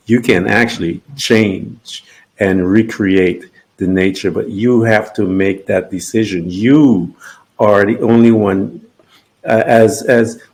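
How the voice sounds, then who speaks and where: A male podcast host with a lowish voice who speaks slowly and haltingly. He pauses often and fills the gaps as he works through an idea. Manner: slow, halting, many fillers. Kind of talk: casual interview.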